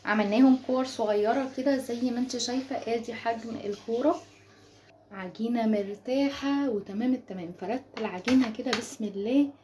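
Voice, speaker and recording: A quick, chatty woman with an Egyptian accent walks viewers through a recipe in her home kitchen. Her voice sits a little high, and she coaxes along as she works, with faint room sound behind her. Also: slight background noise. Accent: Egyptian Arabic. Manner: chatty and warmly coaxing, addresses viewers as ladies. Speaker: home cooking channel host. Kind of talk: casual cooking tutorial.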